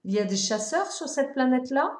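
A woman voicing a patient, wistful fox who explains things calmly and reflectively. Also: sits high, a little fast, roomy sound, voice pushed up.

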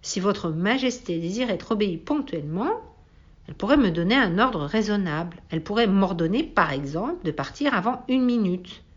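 A woman reading aloud and voicing a gentle, curious little boy prince who talks in an earnest, questioning way. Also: medium pitch, expressive, normal speed, lo-fi sound, natural voice.

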